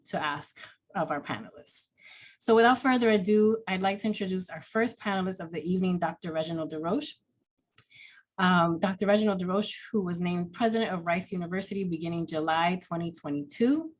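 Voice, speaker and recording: A woman with a slightly low voice opens a panel event as moderator. She reads from prepared notes, stumbling into ums here and there. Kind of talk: formal event introduction.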